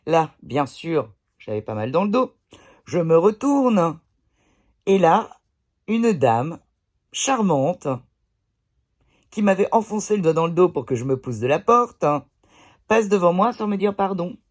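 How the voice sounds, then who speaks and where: Woman, vlogger, casual storytelling, blunt and cussing, slow pace, phone mic. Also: lowish voice, very animated. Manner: blunt, chatty, swears freely. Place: indoors, pillow behind her. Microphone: phone camera.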